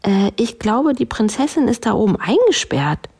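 A woman's voice: on the high side, big pitch swings, normal speed, a little mellow, slightly rough, voice pushed up, exaggerated voice. A woman doing a puzzled little raccoon. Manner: puzzled, asks questions. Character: confused little raccoon who keeps asking what.

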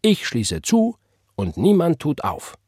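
A man's voice: fairly high pitch, wildly swooping pitch, slow pace, a little mellow, slightly rough, no room sound, studio quality, pitched above the performer's own voice, full character voice. A man voicing a fervent churchwoman who speaks pious, emphatic lines with a raised voice. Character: fervent churchwoman, loud and exclaiming.

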